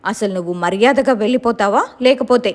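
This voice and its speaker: A woman's voice: mid-range voice, a little fast, lightly acted. A woman voicing her stern mother scolding and threatening a spirit in a told story. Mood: angry.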